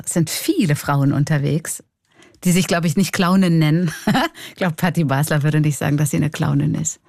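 Being interviewed, a middle-aged Swiss German-accented clown and comedian reflects candidly and laughs a lot. Her voice is lowish and a little mellow.

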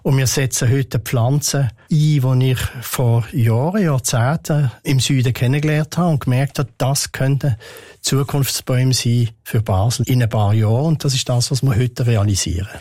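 A man, answering interview questions in a measured, thoughtful way with frequent hesitations. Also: medium pitch, fairly even intonation, darkish tone, dry recording, clean studio sound. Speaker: head of city tree and green space department, interviewee.

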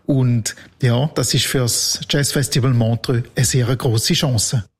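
A man's voice: mid-range voice, steady tone, slow, husky. A man with a Swiss German accent giving an emphatic radio correspondent's report. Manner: emphatic, repeats intensifiers.

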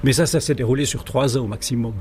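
This guest is an amateur railway historian from the Jura arc in French-speaking Switzerland, and he speaks with a Swiss French accent. He talks fast in a mid-range, slightly mellow voice, with a little background noise. His conversational take on history is good-humoured but hesitant and prone to digressions.

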